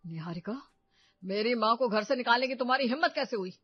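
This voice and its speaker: A woman's voice: medium pitch, a little fast, dry recording, muffled recording, lightly acted. A woman voicing a young man who firmly and indignantly stands up for his mother. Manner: firm, indignant. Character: young grown son, firm and protective of mother.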